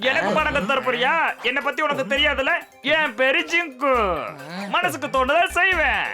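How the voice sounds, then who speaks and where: Give me a greedy, bragging cartoon thief with a high, bright, sing-song voice that turns whiny when he begs, over a light music bed. He sounds like a classic dubbed kids' cartoon villain. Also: moderate pace, heavily acted. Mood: boastful. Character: greedy boastful male thief Jingu.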